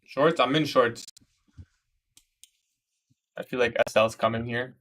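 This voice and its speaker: Young dude hosting a trading stream, chill, calls everyone bro, mid-pitched voice. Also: male voice, takes it slowly, fairly bright tone. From Iraq. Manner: casual, slangy, calls viewers bro. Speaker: livestream host, day trader. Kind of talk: live trading commentary, reading chat.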